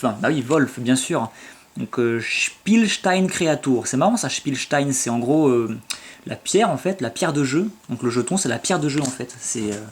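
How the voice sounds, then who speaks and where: Chatty excited man opening card packs. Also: medium pitch, slight background noise. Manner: chatty, enthusiastic, many fillers and restarts; reads out foreign card names slowly and haltingly. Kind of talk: casual card-opening commentary.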